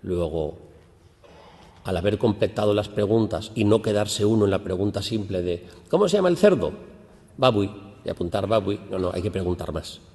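Man, lecturer, low mellow voice, explanatory, emphatic on questions, hall reverb. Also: expressive, normal speed. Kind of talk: academic lecture.

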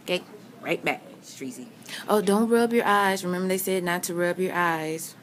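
A woman's voice: lowish voice, moderate pace, a bit bright, a little hiss or hum. A woman chatting casually and reassuringly as a caregiver, often repeating her phrases. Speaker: caregiver filming the patient. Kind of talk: soothing casual chat. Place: small hospital room, behind a handheld phone.

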